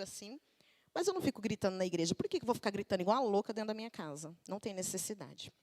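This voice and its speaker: A Brazilian woman in her thirties preaching a conversational sermon in a church. She often asks the congregation questions and acts out little everyday quotes. Her voice sits at an ordinary middle pitch. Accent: Brazilian Portuguese. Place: church service.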